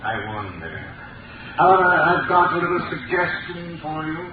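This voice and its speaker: A man's voice: on the high side, sing-song, moderate pace, narrow, tinny audio. A man acting a mysterious, taunting crime-fighting phantom in a 1930s radio drama, suave and theatrical. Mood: taunting, sly. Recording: scratchy 1930s radio, distant, echoey, very noisy.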